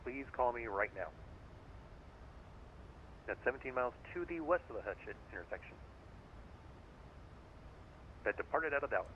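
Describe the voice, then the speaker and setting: A man working as an air traffic controller, giving rapid, clipped instructions in radio phraseology. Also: medium pitch, animated, muffled recording.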